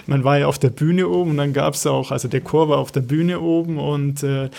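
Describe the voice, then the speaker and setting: A middle-aged man, reminiscing in a casual podcast chat, reflective and halting. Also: a little high, fairly even intonation, vocal fry, darkish tone. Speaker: podcast co-host.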